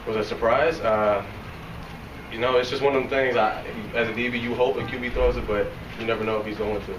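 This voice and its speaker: A young man in his twenties answering reporters after a game, talking quickly and softly with many fillers and restarts. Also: medium pitch, steady tone, muffled recording. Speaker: football player at a press conference. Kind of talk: post-game press interview. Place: locker room press area, indoors. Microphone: reporters' recorders held close. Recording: roomy, from a distance, noisy.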